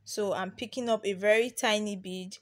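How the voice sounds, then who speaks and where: This voice-over comes from a young Nigerian nail tech guiding beginners, her mid-range voice fairly even and at normal speed. She's talkative, repeats herself and fills gaps with ums and restarts.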